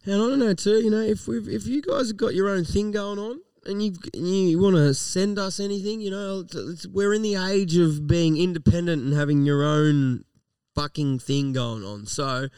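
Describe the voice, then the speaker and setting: A man's voice: sits high, moderate pace, darkish tone, clean tone, dry recording, distant mic. An Australian man co-hosting a casual live podcast, talking in slangy, laid-back language with plenty of swearing. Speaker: podcast co-host.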